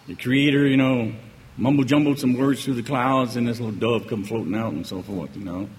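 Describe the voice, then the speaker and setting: Animated preacher man in an echoey hall. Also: medium pitch. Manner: emphatic, rhetorical questions, frequent "okay?" and "right?". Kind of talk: sermon. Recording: echoey hall with faint ambient noise.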